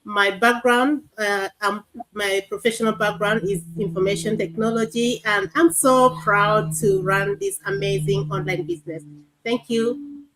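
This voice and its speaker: A woman's voice: medium pitch, unhurried, fairly bright tone, low-quality recording. A woman from South Sudan giving a brief, proud introduction on an online panel. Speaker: panel guest. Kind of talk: online group discussion.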